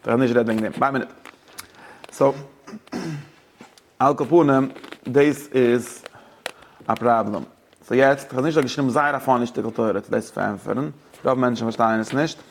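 A male teacher of religious law gives a lively study-hall lecture, mixing German, English and Yiddish with rabbinic terms and putting questions to his listeners. His medium-pitched voice moves at a moderate pace with frequent pauses.

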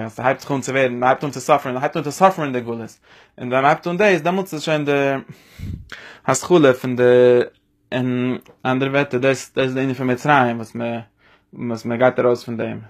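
Man teacher, quick rambling lesson delivery, mid pitch, lots of restarts and repeats. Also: fairly even intonation. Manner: mixes Yiddish with English and Hebrew terms. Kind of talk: spoken Torah lesson.

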